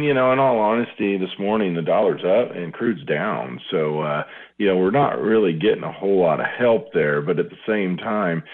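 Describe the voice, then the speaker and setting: Low husky man on a tinny phone line. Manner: conversational, many fillers and restarts. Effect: speaking over the phone. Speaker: agricultural market analyst. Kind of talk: radio interview answers.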